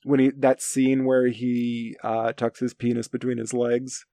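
A man co-hosting a casual film discussion from his home, speaking in hesitant, halting phrases with a creaky voice. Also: mid-range voice, flat delivery, mellow, dry recording, studio quality. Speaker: podcast co-host. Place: home basement. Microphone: recorded at his end of an internet call.

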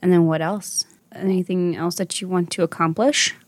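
A woman in her thirties, a podcast host and mother, hosts a casual chat with her daughter, sounding affectionate and motherly and laughing often. Her voice is fairly low-pitched and steady, at normal speed, with no echo.

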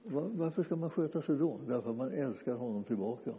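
A man preaching an informal sermon, speaking conversationally and haltingly with frequent restarts and fillers. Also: mid-range voice, expressive, warm tone. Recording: dull lo-fi sound with long reverb.

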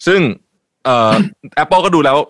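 A man's voice: fairly high pitch, measured pace, fairly bright tone. A man with a Thai accent hosting a casual interview, asking curious follow-up questions. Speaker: podcast host, interviewer.

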